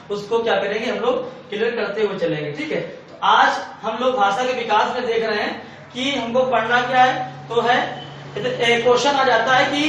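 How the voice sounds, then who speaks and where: A man's voice: very high voice, fairly bright tone. Male tutor who drills repeated Q&A, recorded from far off with faint hiss. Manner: repetitive, asks and answers own questions. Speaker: teacher. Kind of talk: exam-prep lecture. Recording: echoey room, far from mic, faint hiss.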